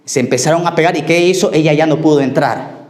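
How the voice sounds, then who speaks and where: A man's voice: fairly high pitch, fast, darkish tone. A man preaching a sermon as pastor, telling stories and asking his congregation questions. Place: church. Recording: echoey church hall.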